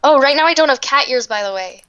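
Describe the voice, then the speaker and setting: A woman's voice: high voice, animated, fast, fairly bright tone, muffled recording. A woman playing a game with a friend, giggling often and teasing playfully. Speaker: guest player. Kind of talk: casual gaming chat.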